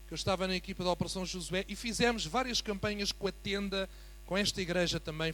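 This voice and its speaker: A high-pitched man with a European Portuguese accent delivers a sermon as a guest preacher in a church. He begins with a quiet greeting and builds to fervent emphasis.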